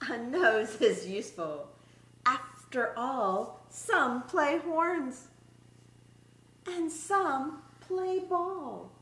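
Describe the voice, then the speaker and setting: A middle-aged woman with a fairly high, expressive, slightly bright voice reads a picture book to young listeners like a teacher, going extremely slowly and drawing out her words. It's a story-time read-aloud recorded from a short distance in a small, echoey classroom-style room with background noise.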